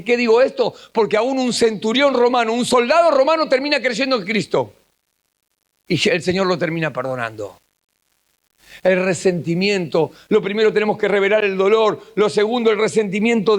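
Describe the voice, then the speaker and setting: High-voiced Argentine man preaching a sermon. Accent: Argentine Spanish. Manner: swings between hushed intimate passages and raised emphatic ones. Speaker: pastor. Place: church camp gathering.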